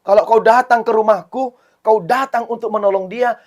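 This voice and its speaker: A man's voice: high voice, steady tone, normal speed, pitched above the performer's own voice, natural voice. A man voicing a grieving father who earnestly pleads for help for his dead daughter. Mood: pleading.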